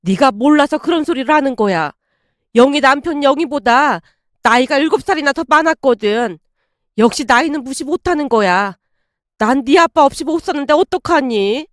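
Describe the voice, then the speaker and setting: Anxious, scolding middle-aged mother, voiced by a woman; high, dry read. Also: animated, moderate pace, no room sound. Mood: worried. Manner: nagging, worried.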